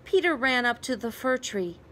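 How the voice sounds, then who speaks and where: Telling the story of a children's picture book aloud, a woman with a fairly high voice uses expressive emphasis and dramatic pauses.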